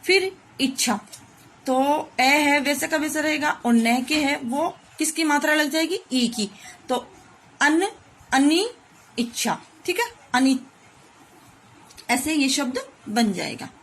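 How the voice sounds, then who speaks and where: A woman schoolteacher giving an online grammar lesson to children. She explains slowly and patiently, step by step, often asking checking questions. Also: high voice, fairly bright tone.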